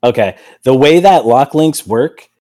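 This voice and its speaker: A man's voice: mid-range voice, expressive, a little slow, dark tone. Guy gm narrating a tabletop fight, chill, lots of likes and ums. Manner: casual, filler-heavy narration. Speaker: game master.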